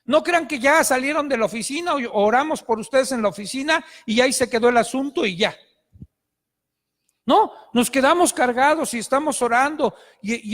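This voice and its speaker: A man's voice: very high voice, a bit bright, long reverb tail. A male pastor, preaching a sermon with emphatic storytelling.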